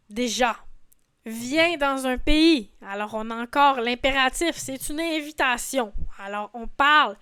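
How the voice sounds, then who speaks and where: A woman's voice: fairly high pitch, fairly bright tone, clean tone, no room sound, studio quality. A woman in her forties, a French teacher patiently explaining song lyrics and grammar, often checking in with "hein". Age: 40s. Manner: patient, didactic, frequent "hein" fillers.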